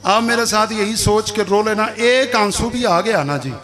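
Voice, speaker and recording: A man with a Punjabi accent reciting a majlis to a village mourning gathering, moving from soft narration to shouted, sung lament. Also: sits high, measured pace. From Pakistan. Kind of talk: impassioned religious majlis oration.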